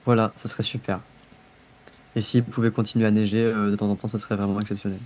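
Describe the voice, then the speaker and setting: A man's voice: fairly low pitch, flat delivery, fast, noisy background. A man co-hosting a podcast in casual chat, musing aloud with lots of hesitations. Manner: hesitant, many fillers, dreamy. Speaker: podcast co-host.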